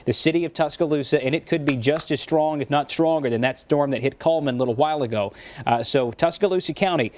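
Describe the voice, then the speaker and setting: A man's voice: on the high side, fast, a little mellow. A man working as a TV meteorologist, giving emphatic, explanatory live storm commentary.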